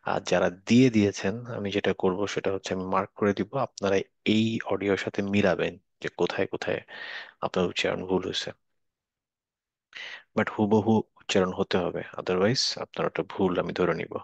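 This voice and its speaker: A man with a Bangladeshi Bengali accent teaching Quran reading, pronouncing Arabic words slowly one by one and correcting pronunciation between them. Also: low-pitched, steady tone, creaky, no room sound, dull audio. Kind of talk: slow word-by-word recitation lesson.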